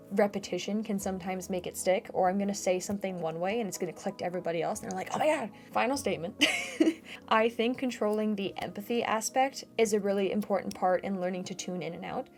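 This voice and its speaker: Woman host, casual Q&A chat, loose and giggly, soft music underneath. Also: medium pitch. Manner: chatty, laughs often, restarts and repeats herself. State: shivering from cold. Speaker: channel host answering viewer questions.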